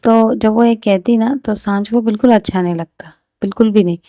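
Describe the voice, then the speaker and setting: A woman's voice: mid-range voice, fairly even intonation, a little fast, dark tone, dry recording, studio quality. A woman narrating a romantic story in a casual, chatty way, speaking every character's lines in her own voice.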